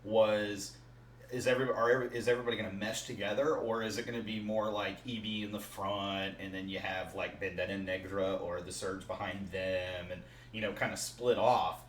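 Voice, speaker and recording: A man co-hosting a soccer fan podcast, talking in an animated, rambling way. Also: lowish voice, normal speed. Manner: talkative, animated recounting. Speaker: podcast co-host. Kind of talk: casual chat. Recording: roomy, distant mic with faint noise.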